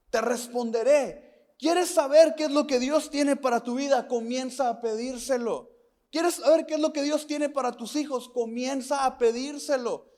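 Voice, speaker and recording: Male pastor, very high voice, earnest and repetitive, mixes personal stories into the sermon. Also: a little mellow. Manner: earnest, repeats phrases and asks the listener questions.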